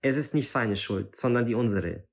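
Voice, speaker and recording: A man's voice: mid-range voice, animated, moderate pace, pitched above the performer's own voice. A man reading an audiobook voices an earnest, nervous young man who has just arrived.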